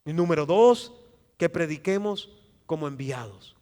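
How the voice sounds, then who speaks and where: Man, pastor, sermon, high-pitched, loud and soft swings, reverberant sanctuary. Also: expressive, a little slow. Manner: preaching with call-and-response to the congregation; rises to loud emphatic passages, drops to soft asides. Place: church sanctuary. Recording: long church reverb.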